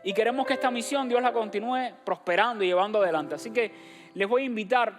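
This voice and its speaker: A man's voice: high-pitched, quick pace. Pastor guy doing church announcements, direct and encouraging, faint music in the back. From Cuba. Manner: direct and encouraging, addresses the congregation as brothers and sisters. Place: church sanctuary.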